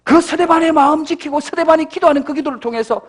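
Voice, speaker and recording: A male senior pastor preaching a sermon in a church, firing rhetorical questions at the congregation and swinging from loud emphasis to hushed, soft passages. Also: very high voice, fast. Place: church sanctuary.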